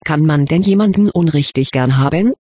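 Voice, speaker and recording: A blunt, awkward teenage wizard boy voiced by an audiobook reader asks puzzled questions in a plain voice. The tone is husky and breathy, recorded dry and close. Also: medium pitch, moderate pace, dark tone, dry recording, lightly acted. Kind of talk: audiobook reading.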